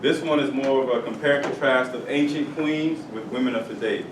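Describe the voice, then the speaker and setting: A young man holds forth to a room of schoolchildren, lively and playful, pulling them into call-and-response. He is picked up from across a reverberant room by a distant camera, with steady background noise. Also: mid-range voice, brisk. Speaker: guest speaker at a school career day. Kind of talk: motivational talk to children. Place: school classroom or hall.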